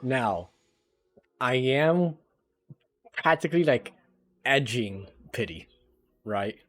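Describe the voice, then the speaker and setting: A man's voice: mid-range voice, expressive, slow pace, a bit bright. A man giving casual, rambling gameplay commentary on a livestream, talking into a headset mic and swearing now and then.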